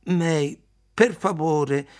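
A man's voice: a little high, extremely slow, darkish tone, voice pushed up. A male reader voicing an impulsive young man, drunk and pleading in an insistent way.

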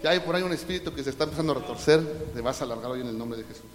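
A middle-aged man with a Mexican Spanish accent preaching a sermon, swinging from loud preaching to hushed asides. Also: mid-range voice, racing, slight background noise. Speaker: pastor. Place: large church hall. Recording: echoey hall from a distance.

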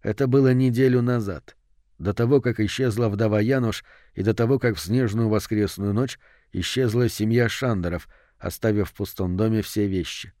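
Low-voiced man narrating a horror audiobook. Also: normal speed, warm tone, dry recording, studio quality.

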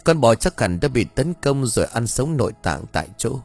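A man voicing a grave, methodical village master who reasons through clues in a measured way. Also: medium pitch, very animated, creaky, soft background music. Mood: analytical. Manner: measured, analytical, solemn instructions.

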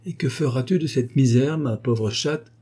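A cynical male journalist, read by a man in an audiobook, jovial on the surface and scheming beneath. He talks in a brisk, mocking, commanding way, with a dark, slightly husky tone that sits a little higher than plain narration. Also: natural voice. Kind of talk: audiobook character voice.

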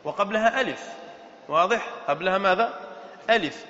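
A man's voice: sits high, expressive, fairly quick, pushed and bright, a little hiss or hum. A man, a sheikh, teaching a classroom lesson on Arabic morphology, quizzing students with questions and repeating key points. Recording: echoey, dull lecture-hall recording.

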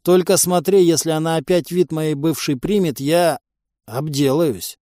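A man voicing a gruff, world-weary male raid leader in an audiobook, bitter and blunt. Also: on the high side, fairly even intonation, unhurried, warm tone, no room sound, clean studio sound, close to an everyday voice.

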